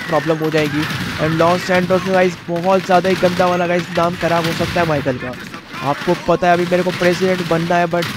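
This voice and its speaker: A young man giving chatty, excitable commentary while playing a video game, talking straight to his viewers. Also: sits high, background noise. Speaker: gameplay commentator. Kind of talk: casual gameplay commentary. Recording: game gunfire and explosions behind.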